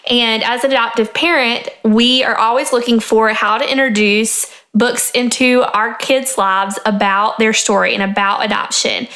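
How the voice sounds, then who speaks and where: Bright, upbeat woman podcast host. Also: fairly high pitch, fairly even intonation, normal speed, few pauses. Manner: upbeat, enthusiastic. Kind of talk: casual podcast chat.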